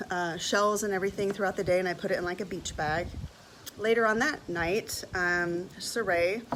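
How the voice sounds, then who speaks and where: A woman's voice: fairly low pitch, a little hiss or hum, rough recording. Emotional woman in her fifties telling a story. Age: 50s. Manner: animated, emotional storytelling with repeated words. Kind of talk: personal testimony vlog.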